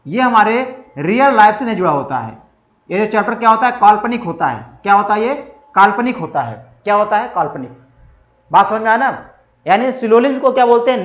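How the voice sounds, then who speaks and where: Male teacher, high voice, echoey room, repeats key terms, self-quizzing lecture style. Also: a bit bright. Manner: drills by asking and answering his own questions; repetitive, emphatic. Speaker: reasoning teacher. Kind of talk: exam-prep lecture.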